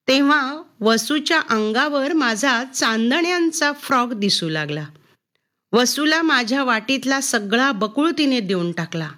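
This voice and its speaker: A woman reading her own story aloud in an expressive first-person narration. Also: a little high.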